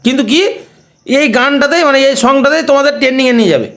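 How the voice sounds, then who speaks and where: Man, very high voice, rapid, repetitive, tutorial host. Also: a bit bright. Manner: repeats each step with tag questions. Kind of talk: screen-recording tutorial.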